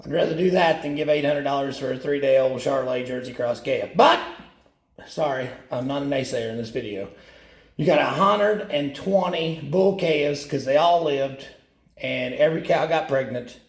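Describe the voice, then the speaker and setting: A man who is a real estate agent, talking casually and jokily about farm numbers from inside a steel milk tank. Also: moderate pace. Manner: folksy, self-mocking, jokey. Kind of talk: casual video monologue. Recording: boomy echo inside a metal tank.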